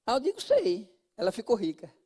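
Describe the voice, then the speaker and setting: A Brazilian Portuguese-accented man preaching a sermon as pastor, talking straight to his congregation and swinging between loud calls and hushed asides. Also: sits high, huge pitch swings, fairly quick, breathy edge.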